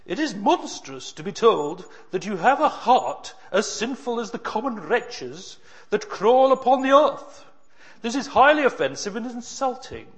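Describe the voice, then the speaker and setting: A man's voice: extremely high pitch, big pitch swings, unhurried, fairly bright tone, pitched above the performer's own voice, full character voice. A man voicing a haughty, indignant aristocratic old lady as an acted quote in a sermon. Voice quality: grand, pompous.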